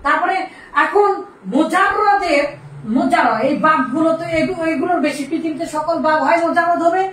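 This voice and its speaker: A woman's voice: very high voice, normal speed, fairly bright tone. A woman teaching an Arabic grammar lesson, quizzing her students and repeating the key terms. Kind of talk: classroom lesson. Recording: echoey room, distant mic, faint noise.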